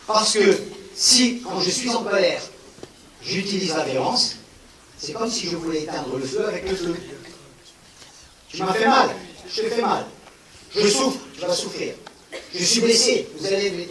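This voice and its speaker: A man giving a public talk on non-violence, animated, with rhetorical questions and emphatic repetition, answering an audience's questions. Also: a little high, distant mic. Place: large hall with an audience. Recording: echoey hall, speaker away from the mic.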